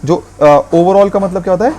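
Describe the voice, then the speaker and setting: Man teaching vocabulary, slightly high voice. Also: warm tone. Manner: explanatory, slows to spell and stress key words. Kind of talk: explaining vocabulary in Hindi mixed with English.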